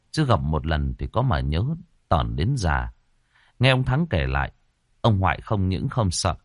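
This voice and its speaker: A man narrating a ghost story in a dramatic, expressive way. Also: deep voice, dry recording. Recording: dry close voice over faint music.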